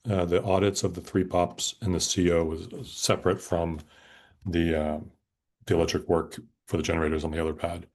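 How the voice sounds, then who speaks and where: Committee lead: low, very deep-voiced man, orderly, explains step by step in a meeting room. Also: level tone, moderate pace, a little mellow. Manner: orderly, walks through schedules and bids step by step.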